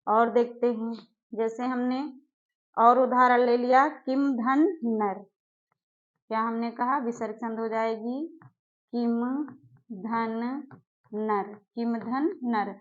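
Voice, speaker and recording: Slow-paced woman teaching grammar drills. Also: fairly high pitch, fairly even intonation. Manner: slow, drawn-out syllable drills with repeated questions. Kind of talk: exam-prep grammar lesson. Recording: dull lo-fi recording.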